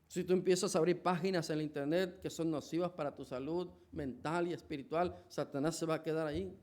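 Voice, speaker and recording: A man's voice: fairly high pitch, fairly even intonation, brisk, a little mellow. A man with a Mexican Spanish accent preaching a sermon in a church, conversational, with many restarts and rhetorical questions. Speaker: pastor.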